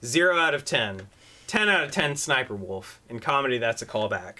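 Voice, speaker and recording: A man's voice: medium pitch, sing-song, moderate pace, sharp tone. A man co-hosting a casual podcast, ranting with lots of swearing and demonstrating what he means as he talks. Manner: profane, rambling, demonstrative. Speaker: podcast co-host. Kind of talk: casual chat. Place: room at home. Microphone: desk microphone.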